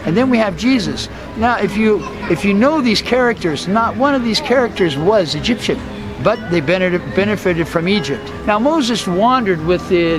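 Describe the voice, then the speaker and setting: Older american guy, high voice, rambly with lots of uhs, loud music under him, outside. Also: rough recording. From USA. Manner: unhurried, rambling, many uh fillers. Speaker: interviewee, street vendor. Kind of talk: casual storytelling interview. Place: outdoors on a town street. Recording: travel video with loud music bed. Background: loud background music.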